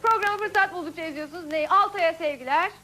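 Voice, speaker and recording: A woman's voice: very high voice, a little fast, sharp tone. A woman hosting a casual live TV show, chatting, laughing and reading out viewer faxes. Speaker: TV show host.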